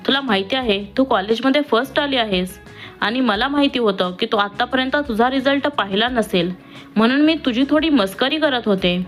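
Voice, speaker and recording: A woman's voice: on the high side, fairly quick, faint music behind, lightly acted. A woman voicing an outspoken, teasing young woman who has just qualified as a doctor, in a read-aloud story. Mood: lively. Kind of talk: storybook reading.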